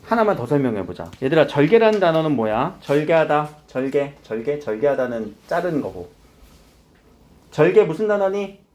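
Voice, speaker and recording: A man's voice: fairly high pitch, normal speed. A middle-aged man teaching literature to a classroom of students, explaining terms and quizzing them as he goes. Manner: lively, questioning the students often. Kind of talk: classroom lecture.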